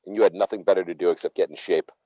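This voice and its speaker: A man from Massachusetts, co-hosting a sports show over a video call with gruff, profane, sarcastic ribbing. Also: deep voice, fairly even intonation, very fast, dark tone, no echo. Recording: dull lo-fi video call audio.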